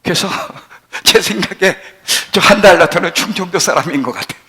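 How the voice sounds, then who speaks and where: A man in his sixties preaching a sermon as pastor, emphatic, swinging from near-shouts down to low, quiet asides. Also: expressive, normal speed. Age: 60s.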